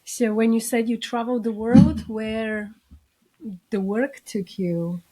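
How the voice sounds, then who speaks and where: A woman's voice: on the high side, steady tone, takes it slowly, mellow, poor audio. A woman interviewing a guest in a casual, conversational way.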